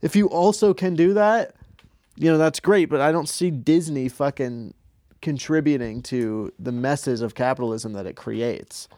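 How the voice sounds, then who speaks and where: A man co-hosting a podcast, ranting bluntly with swearing and halting restarts. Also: mid-range voice, a little mellow, no room sound, clean studio sound. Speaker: podcast co-host. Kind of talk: casual opinionated rant.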